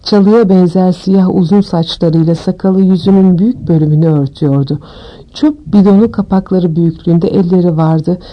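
A woman narrating an audiobook with steady, expressive storytelling. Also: on the low side, moderate pace, dull audio.

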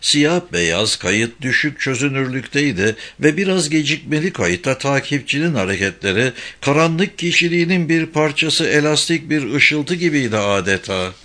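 A man narrating a crime novel audiobook in a steady, even reading. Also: on the high side, normal speed, hardly any pauses. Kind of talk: scripted narration.

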